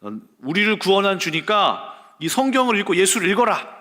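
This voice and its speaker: A man's voice: high-pitched, expressive, fairly quick, bright, forceful tone. A man acting out a firm middle-aged woman evangelist who gives blunt, commanding orders. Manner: commanding, matter-of-fact.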